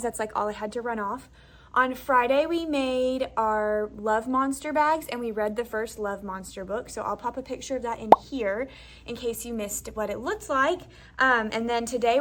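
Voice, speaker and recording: Young woman teacher, casual vlog chat, upbeat and chatty, slightly high voice, faint background hiss. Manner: chatty, upbeat, filler-heavy. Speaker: first grade teacher.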